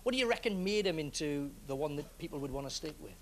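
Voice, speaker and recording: A jokey man hosts a TV studio show, teasing his guests with quick banter. His voice sits high for a man. A faint hiss runs under the old broadcast sound. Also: expressive. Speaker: TV show host. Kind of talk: lively studio chat show. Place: TV studio with audience.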